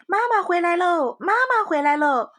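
A woman voicing a group of excited little bunnies in a bedtime story. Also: unhurried, heavily acted. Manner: shrill, chanting in chorus.

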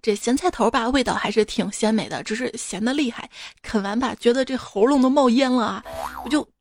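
A woman's voice: on the high side, brisk, darkish tone, no echo, clean studio sound. Chatty woman host telling jokes. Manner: chatty, teasing asides to the listener. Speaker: radio-style host reading listener jokes. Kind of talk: comic storytelling to listeners.

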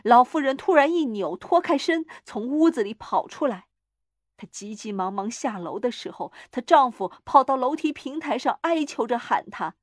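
A woman narrating a horror story in a measured, dramatic reading. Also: fairly high pitch, lively intonation, no echo, studio quality.

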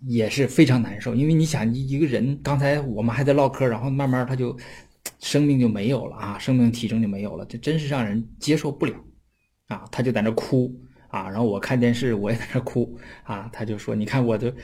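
A man talks through classical texts in an easygoing explanatory lecture, his mid-range voice warm with a breathy edge. Chatty by nature, he keeps adding tag questions for his listeners and eases his pace whenever he reads old passages aloud.

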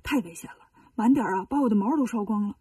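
A woman's voice: medium pitch, fast, warm tone, slightly rough, dry recording, clean studio sound, distant mic, natural voice. A woman voicing a cocky, brash male monkey hero in a children's storybook. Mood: startled.

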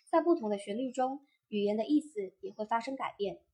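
Husky-voiced woman teaching voice acting. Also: on the high side, expressive, brisk, warm tone. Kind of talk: scripted instructional narration.

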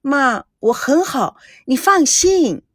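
A woman voicing a sharp-tongued, jealous young wife who needles and teases in a radio story. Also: sits high, very animated, slow pace, dry recording, studio quality, voice pushed up, full character voice. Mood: reassuring. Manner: teasing, needling.

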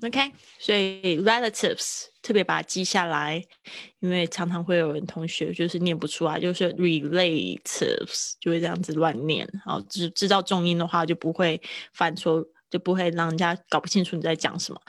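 A woman's voice: lowish voice, fairly even intonation, a little fast, no room sound. A woman English teacher, giving a live-streamed lesson in a chatty, patient way with frequent laughter.

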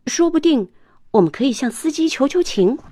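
A woman's voice: high voice, lively intonation, moderate pace, dark tone, no echo, clean studio sound, voice pushed up. A woman voicing a polite, anxious young schoolboy in a children's storybook reading, earnest and pleading. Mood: eager.

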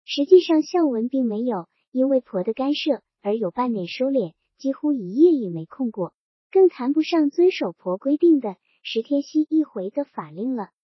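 A woman reading a novel aloud with an even storytelling delivery. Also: high-pitched, normal speed, slightly rough, dry recording. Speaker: audiobook reader. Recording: dry dull lo-fi recording.

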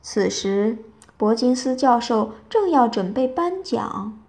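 A woman reading a bedtime story to children, telling it gently and with lively expression. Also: on the high side, slow pace.

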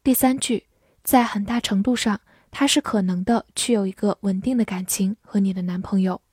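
A woman's voice: medium pitch, steady tone, normal speed, a little mellow, husky, dry recording. A woman teacher drilling English vocabulary, saying each word twice and then explaining its meaning.

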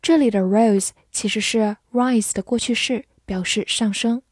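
A woman teaching English vocabulary in a scripted lesson, explaining meanings, spelling words out letter by letter and reading example sentences slowly. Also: mid-range voice, a little mellow, husky, no room sound, clean studio sound.

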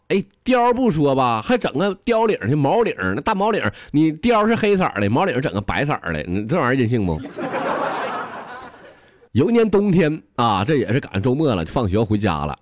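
A man's voice: mid-range voice, darkish tone, dry recording, studio quality. A man with a Northeastern Chinese accent hosting a comedy podcast, telling bawdy jokes with plenty of chuckling. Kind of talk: comic storytelling.

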